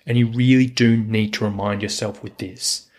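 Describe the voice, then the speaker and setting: A man's voice: lowish voice, fairly even intonation, normal speed, a little mellow. A man hosting a solo coaching podcast, talking in an earnest, reassuring way and repeating words for emphasis. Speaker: podcast host, hiking coach.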